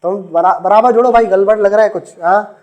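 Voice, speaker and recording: High-pitched man teaching maths class. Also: darkish tone, lo-fi sound. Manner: teasing, checks answers with the class, repeats dictation slowly. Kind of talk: classroom lecture. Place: classroom with students.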